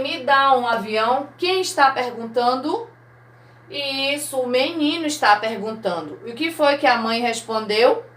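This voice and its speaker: A Brazilian woman teacher explaining a lesson to young children, slow and patient, step by step. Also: fairly high pitch, fairly bright tone, reverberant. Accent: Brazilian Portuguese. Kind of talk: recorded remote lesson for children.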